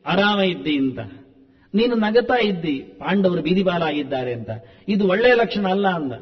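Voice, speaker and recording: A man giving a spoken discourse, chanting verses and explaining them with animated rhetorical questions. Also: high voice, in a large hall, highs cut off. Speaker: scholar giving a discourse on the Mahabharata.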